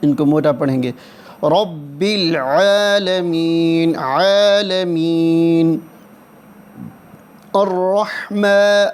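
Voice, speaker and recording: A male Quran teacher who explains pronunciation quickly and then slowly chants and repeats the verses so a student can follow. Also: on the high side, dark tone. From Pakistan.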